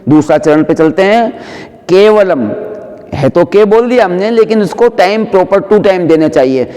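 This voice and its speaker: A man teaching the pronunciation of a Sanskrit prayer. He explains the syllables briskly and then chants each word slowly and drawn out. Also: sits high, animated, mellow, big-room sound.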